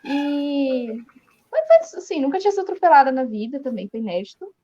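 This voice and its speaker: Lively Brazilian young woman, lo-fi. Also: high voice, fairly quick. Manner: lively storytelling, laughing often. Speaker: guest. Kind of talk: casual live video chat.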